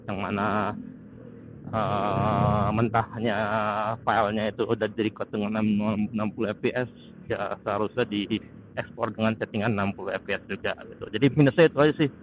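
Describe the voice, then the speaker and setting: Out on the road on his motorcycle, a man vlogs in a lowish, steady voice at normal speed, rambling and searching for the right words. The wireless helmet intercom mic is noisy with wind and road noise.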